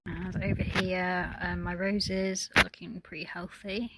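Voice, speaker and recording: Low, gravelly woman touring her garden. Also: measured pace, very noisy. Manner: relaxed, chatty, many ums. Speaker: gardening vlogger. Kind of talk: casual garden tour narration. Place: outdoors in a garden.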